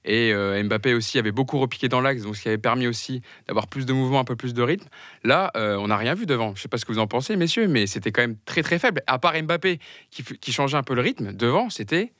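A man's voice: mid-range voice, expressive, fast, fairly bright tone, no room sound, studio quality. Hesitant man citing football stats. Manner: hesitant, stat-focused, many fillers. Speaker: football show panelist. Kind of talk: casual football debate.

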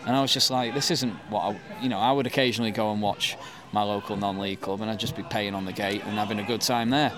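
With crowd noise in the background, a thirty-something football fan from Manchester, England, gives a casual interview peppered with ums and false starts. He speaks quickly in a fairly low, steady voice, rarely pausing.

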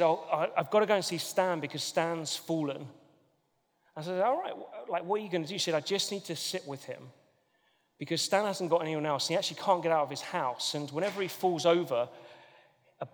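A man preaching a sermon to his church, telling everyday stories and driving home earnest points. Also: fairly high pitch. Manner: storytelling, earnest, builds to emphatic points. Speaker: pastor. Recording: long hall reverb.

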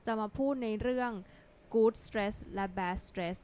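A young adult woman who is a doctor, co-hosting a casual health podcast and explaining things in a measured way with frequent affirming fillers. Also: mid-range voice, darkish tone.

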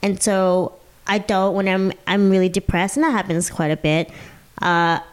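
A woman's voice: mid-range voice, moderate pace, clean tone. A woman with a Valley Girl accent talking as a podcast guest, in casual confessional chat full of "like" and "you know". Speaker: podcast guest, stand-up comedian.

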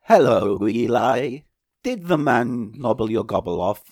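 A man's voice: medium pitch, lively intonation, a little slow, darkish tone, no echo, voice pushed down. A man putting on a jokey male robot voice during comedy podcast banter, with a goofy, mock-mechanical delivery.

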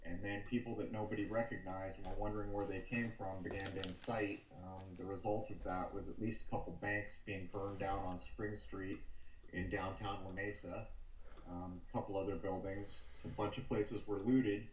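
A man's voice: low-pitched, little pitch movement, moderate pace, a little hiss or hum. A man hosting a live stream, rambling with frequent ums and uhs, heard through a thin speakerphone-like sound. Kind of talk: casual live stream commentary. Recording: dull dry speakerphone-like audio.

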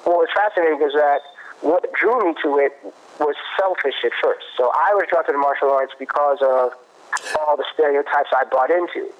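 A man's voice: a little high, moderate pace. Thoughtful man with muffled sound. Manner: thoughtful, restarts often, cites research. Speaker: guest expert on parenting. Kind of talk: conversational explanation. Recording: muffled lo-fi audio.

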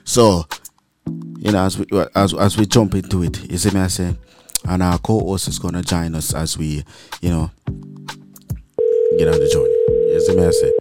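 A man's voice: low-pitched, steady tone, moderate pace, pauses often, over loud music. A man hosting a podcast in casual, slangy interview chat, often stammering and repeating his words. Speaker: podcast host.

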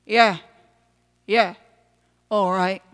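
A woman's voice: mid-range voice, steady tone, very slow, fairly bright tone, clean tone, in a large hall. A woman voicing a tiny British man with a put-on British accent who grumbles reluctantly. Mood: grumbling.

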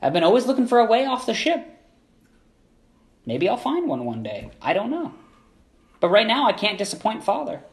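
A man voicing a polite young woman sailor, the captain's daughter, who speaks softly and wistfully. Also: high voice, huge pitch swings, moderate pace, vocal fry, pauses often, voice pushed up, heavily acted.

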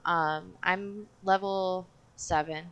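A woman co-hosting a podcast, relaxed and chatty about the games she plays. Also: on the low side, clean tone, lo-fi sound. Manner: relaxed and chatty, quick to agree. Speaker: podcast co-host. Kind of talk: casual podcast chat.

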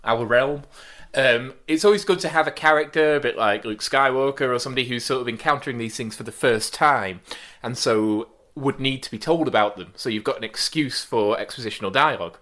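A man's voice: medium pitch, brisk, hardly any pauses, fairly bright tone. A man co-hosting a podcast, analysing a TV show in casual chat with a dry, wry, analytical manner. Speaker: podcast co-host.

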